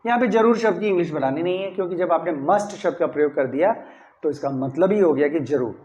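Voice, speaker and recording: In a classroom-style grammar lesson, a fast-talking English teacher explains things step by step and keeps asking students "clear?", leaning on key words when he says model sentences. His voice is high yet darkish in tone, and the audio is somewhat dull and lo-fi.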